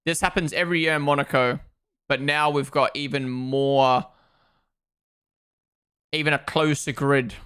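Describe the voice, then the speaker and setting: A young New Zealander hosts a live racing watchalong stream, chatting casually and reading chat in a mixed Kiwi-Australian accent. His bright, clear voice sits fairly high for a man and holds a steady tone, and he talks loosely, throwing in quick asides and sudden loud reactions.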